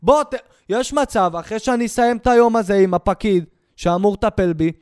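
A man's voice: high-pitched, smooth, no room sound, clean studio sound. A young man doing a stand-up comedy rant, crude and sarcastic, swinging between mock outrage and muttered asides.

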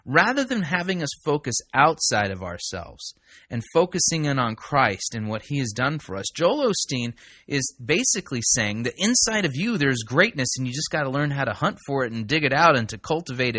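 A man picks apart a sermon recording with mocking, exasperated commentary. His voice is bright and a little husky, with lively swings in pitch. It sounds close and dry, with no room behind it. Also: dry recording. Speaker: podcast host critiquing a sermon recording. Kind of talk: sarcastic commentary.

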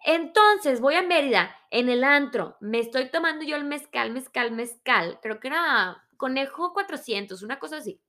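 A woman around thirty with a Mexican Spanish accent, telling stories in a casual, animated, self-mocking monologue. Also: high voice, normal speed, few pauses. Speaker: vlogger.

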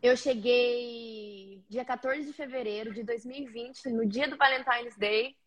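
A house cleaner from Paraná, Brazil, joins a casual video-call interview as a guest, her voice a little high and a little slow over lo-fi audio. She is friendly but slightly nervous, using many fillers.

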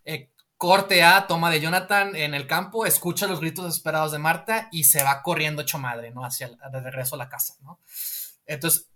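A man casually pitching a film scene in a rambling way, tagging his lines with a question. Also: fairly even intonation, normal speed, bright, forceful tone.

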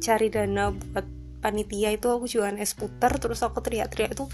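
Music runs under the voice of a podcast host in her twenties, whose light Javanese accent colours a chatty, self-mocking solo monologue sprinkled with English phrases. She talks fairly quickly in a mid-range voice, her intonation slightly flat.

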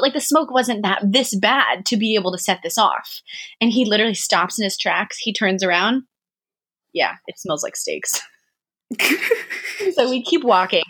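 A woman telling a story in casual chat, animated and laughing often, with many fillers. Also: fairly high pitch, breathy edge.

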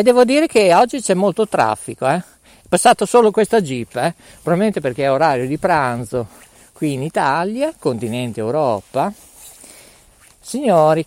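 A middle-aged man hosts a live radio show from his phone as he walks through town, a little winded. His pitch jumps around a great deal, and his slightly high voice moves at an unhurried, drawn-out pace. He rambles, cracks jokes, and keeps tossing in a questioning "eh?". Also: dry recording. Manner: rambling, jokey, tags lines with "eh?". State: out of breath. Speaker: web radio host. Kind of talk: live mobile radio broadcast. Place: outdoors on city streets while walking.

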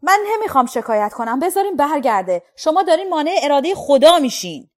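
A woman's voice: fairly high pitch, sing-song, no echo, clean studio sound, pitched above the performer's own voice. A woman voicing an earnest, devout man who pleads and speaks righteously while seeking forgiveness. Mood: agitated.

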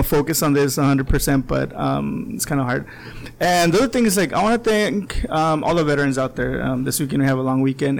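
A man's voice: mid-range voice, vocal fry. A man hosting a small-town podcast interview, rambling with lots of ums and likes. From Southern California border town. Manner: rambling, many fillers. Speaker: podcast host.

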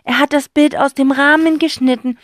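A woman's voice: high-pitched, fairly even intonation, moderate pace, dry recording, studio quality, pitched above the performer's own voice, lightly acted. Woman playing an eager, clever young boy. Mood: reasoning.

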